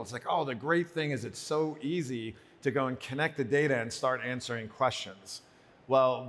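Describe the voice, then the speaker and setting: A man's voice: medium pitch, a bit bright, long reverb tail. A man speaking on a conference roundtable panel, talking casually and acting out quoted back-and-forth exchanges. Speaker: panelist, business operations leader.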